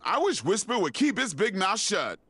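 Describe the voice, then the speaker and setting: An actor playing a gruff, defensive male knight in a video game, blustering and touchy. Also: high voice, sing-song, moderate pace, sharp tone, dry recording, exaggerated voice.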